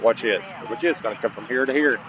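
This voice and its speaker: Here the gaming channel host speaks at a quick pace with a medium pitch, giving casual tutorial commentary full of folksy asides. Part of it is him reading the on-screen instructions, recorded on a dull lo-fi mic with a faint hum of background noise.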